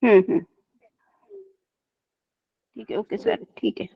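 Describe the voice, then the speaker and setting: A woman's voice: mid-range voice, very animated, slow, creaky, husky, no echo, dull audio. A woman student politely asking her teacher a question in an online class.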